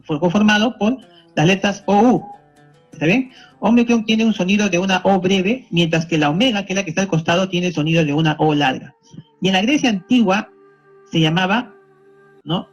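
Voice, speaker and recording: A high-pitched man, checking in after almost every point. The audio is dull and lo-fi, with faint music behind. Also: brisk. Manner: didactic, constantly checking in with the audience. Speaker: teacher. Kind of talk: recorded classroom explanation.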